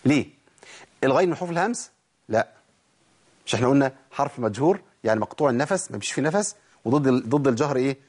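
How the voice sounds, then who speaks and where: A man with an Egyptian accent teaching tajweed, asking and answering his own questions and reciting examples slowly. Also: mid-range voice, lively intonation, a little mellow, breathy edge. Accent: Egyptian Arabic. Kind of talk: tajweed lesson on letter pronunciation.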